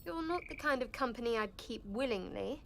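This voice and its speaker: An actress playing a guarded, pragmatic adventurer in a fantasy game, cool and curt. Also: female voice, a little high, lively intonation, brisk, gravelly, slight background noise. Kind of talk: video game character dialogue.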